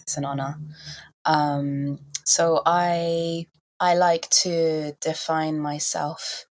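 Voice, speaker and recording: A Welsh woman from Wales, a podcast guest answering in a thoughtful, measured way with frequent ums. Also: low-pitched. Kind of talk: reflective interview answers.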